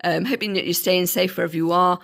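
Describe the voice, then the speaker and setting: A woman, croaky from a cold, casually reviewing a book in a chatty vlog with dismissive asides. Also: lowish voice, steady tone, quick pace, fairly bright tone.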